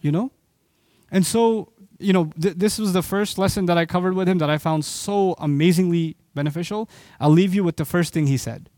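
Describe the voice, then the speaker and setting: High-voiced, impassioned male preacher. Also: moderate pace, dark tone, no room sound, studio quality. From Pakistan. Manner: impassioned, asks the audience rhetorical questions. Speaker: Islamic preacher. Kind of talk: sermon lecture to an audience.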